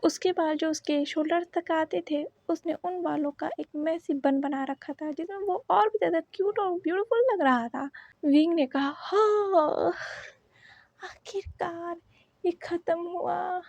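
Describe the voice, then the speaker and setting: A woman reading a fan fiction story aloud in a steady storytelling voice. Her pitch sits very high, with a mellow tone. The recording is dry and close. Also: normal speed, dry recording, muffled recording. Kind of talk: scripted story narration.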